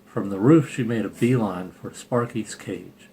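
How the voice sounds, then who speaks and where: In a clearly noisy home recording, a storybook reader and channel host casually reads a kids' picture book, adding sarcastic, irreverent comments. He speaks at a measured pace in a lowish, slightly mellow voice.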